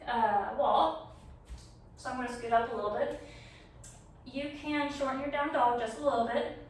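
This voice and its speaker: Breathless woman cueing a vinyasa class. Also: high-pitched. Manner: encouraging cues, light laughs. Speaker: yoga instructor. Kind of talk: guided vinyasa yoga class. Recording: echoey room, far from mic, faint noise.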